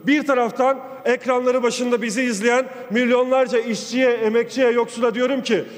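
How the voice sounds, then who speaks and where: A man addresses a large chamber from a rostrum pulpit microphone, his voice pitched high for a man. He builds emphatic, repetitive lists with oratorical force. A long hall reverb trails each phrase. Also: level tone, moderate pace. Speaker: member of parliament. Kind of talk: parliamentary floor speech. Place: parliament chamber, speaking from the rostrum.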